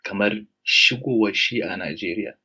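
Low-voiced man with a Hausa accent. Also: normal speed, sharp tone, breathy edge. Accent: Nigerian Hausa. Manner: switches between Hausa and English, explanatory. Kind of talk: casual discussion.

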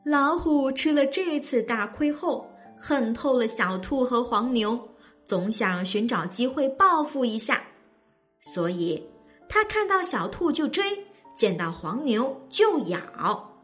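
Expressive woman reading a children's story. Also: on the high side, slow pace, soft background music. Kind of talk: storybook narration.

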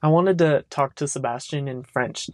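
A young woman co-hosting a podcast in relaxed, playful casual chat. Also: extremely low pitch, moderate pace, no room sound. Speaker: podcast co-host.

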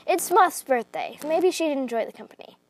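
A woman's voice: sits high, expressive, moderate pace, very noisy. A woman voicing a flustered dragon mother who stammers and hesitates.

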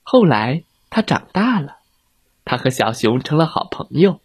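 A playful children's storyteller who talks straight to the kids, with a very animated, sing-song rise and fall. The voice is slightly breathy and husky, recorded close and dry with no room echo. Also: mid-range voice, a little slow. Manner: lively, playful, addresses children directly.

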